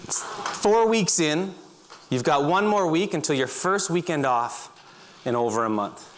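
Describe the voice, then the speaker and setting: A middle-aged man telling vivid second-person stories on a stage, breaking into loud shouts. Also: a little high, expressive, unhurried, slight background noise. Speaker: speaker. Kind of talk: storytelling talk. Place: auditorium stage.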